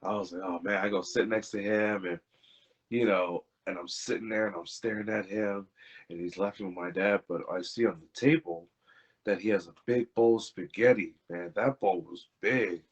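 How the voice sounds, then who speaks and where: A young man, an interview guest, telling family stories in a casual way, laughing and doing lively voices for the people in them. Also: on the low side, moderate pace. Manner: laughing, animated impressions in retelling. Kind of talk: casual storytelling. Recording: dull lo-fi audio.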